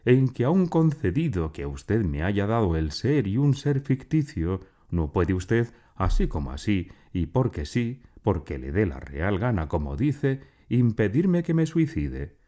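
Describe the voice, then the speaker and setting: A young male character in a storybook reading, standing up to the author who made him, his voice pushed high and strained. A man acts him out, lifting well above his own deep, dark register. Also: big pitch swings, a little slow, few pauses. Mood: defiant. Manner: pleading, defiant, ironic. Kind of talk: audiobook reading.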